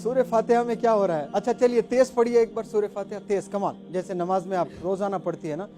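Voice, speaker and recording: A man teaching a student to recite, encouraging her and tossing in quick English prompts. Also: high-pitched, fairly even intonation, warm tone, faint music behind.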